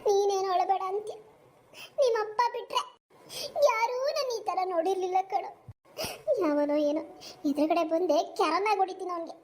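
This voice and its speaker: Woman as a shrill, quarrelsome cartoon granny who wails and scolds melodramatically. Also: fairly quick, long pauses, darkish tone. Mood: demanding. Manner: complaining, scolding, melodramatic lamenting. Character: wailing old village grandmother, quarrelsome and proud. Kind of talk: animated cartoon voice acting.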